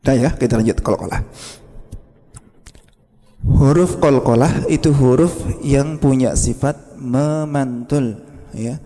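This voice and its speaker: Brief: male teacher, mellow tone, patient drills, long echoing reverb of a mosque hall. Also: medium pitch. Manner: patient, demonstrates sounds slowly and quizzes the class. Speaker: Quran recitation teacher. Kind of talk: classroom lesson with drills.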